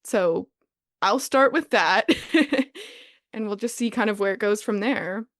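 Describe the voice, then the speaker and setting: A woman composer taking part in a podcast roundtable, her voice sitting at an ordinary middle pitch. She thinks aloud, with many fillers and restarts. The sound is dry and close, with no room echo. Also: expressive, takes it slowly. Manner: thoughtful, with frequent fillers and restarts. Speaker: composer guest.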